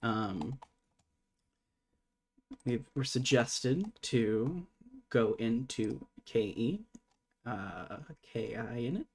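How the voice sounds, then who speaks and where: A man's voice: mid-range voice, lively intonation, very slow, long pauses, a little mellow, breathy edge. A man streaming live while programming, thinking aloud in a casual, muttering way and swearing now and then.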